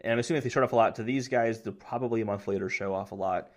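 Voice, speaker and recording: A man's voice: lowish voice, racing. A man co-hosting a casual gaming podcast, talking eagerly and correcting himself as he goes. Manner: rambling, self-correcting, excitable. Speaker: podcast co-host.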